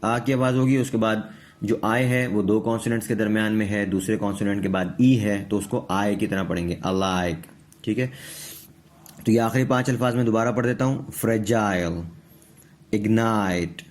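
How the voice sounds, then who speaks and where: Low-voiced man teaching pronunciation. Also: steady tone, darkish tone. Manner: slow, repeats words for drilling, checks understanding with tag questions. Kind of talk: classroom-style lesson.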